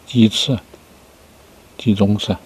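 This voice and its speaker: Man, thirties, low voice, casual eating-vlog chat, talking between bites, in a car, noticeable background noise. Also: steady tone, slow. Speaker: vlogger eating on camera. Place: inside a parked car.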